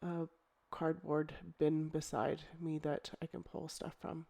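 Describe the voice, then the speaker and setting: This casual crafting voice-over features a middle-aged woman whose voice sits low and sounds croaky from a cold. She speaks slowly about her scrapbooking project, relaxed and chatty, with ums and restarts as she thinks aloud.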